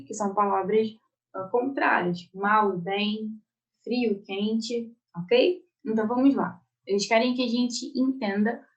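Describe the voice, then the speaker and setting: A woman's voice: medium pitch, rough recording. Brazilian woman teaching, checking in often. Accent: Brazilian Portuguese. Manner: explains step by step, checks in with "né?" and "ok?". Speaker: Portuguese teacher. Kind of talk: online exam-prep lesson.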